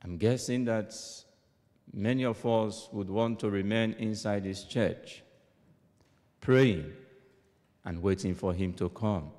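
A man speaking as a priest, reading scripture and preaching in a solemn, measured manner in an echoing church. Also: lowish voice, a little mellow. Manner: deliberate, measured. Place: inside a large church. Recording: echoing church hall, long cathedral-like reverb.

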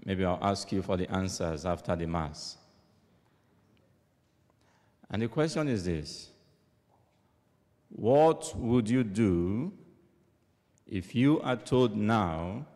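A priest with a lowish, somewhat dark-toned voice reads the gospel and preaches a homily. He speaks deliberately but with animation, and his words echo at length through a vast church.

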